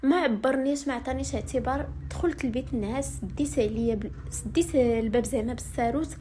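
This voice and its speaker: Fast-talking Moroccan woman telling her story. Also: sits high, warm tone, slight background noise. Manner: rapid, aggrieved first-person retelling with acted quotes. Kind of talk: personal story told to viewers.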